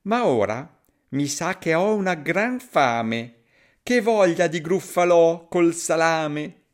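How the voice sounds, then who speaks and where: A man voicing a clever, boastful little mouse in a storybook reading, quick and cheeky. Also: fairly high pitch, lively intonation, voice pushed up.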